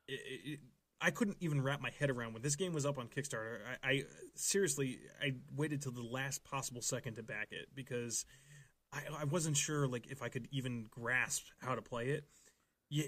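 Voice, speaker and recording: A man's voice: mid-range voice, fairly bright tone. A man hosting a board game podcast, chatting casually with frequent restarts and fillers. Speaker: podcast host. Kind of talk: board game review chat.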